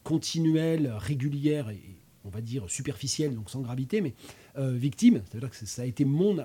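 A man's voice: mid-range voice, animated, fairly quick, mellow, husky. A man in his fifties with a regional French accent, hosting a casual chat, hesitant, with many fillers and restarts. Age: 50s. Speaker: host.

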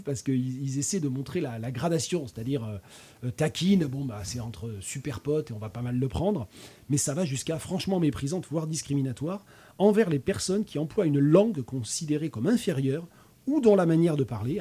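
Hosting a relaxed conversation, a fifties-aged man with a regional French accent stumbles along with frequent fillers, restarts, and hesitations. His voice is mid-range, mellow, and husky.

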